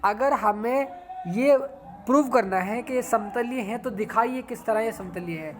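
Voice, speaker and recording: A man's voice: very high-pitched, unhurried, slight background noise. A man teaching a math lesson step by step, repeating phrases and often checking in with his viewers. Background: background music.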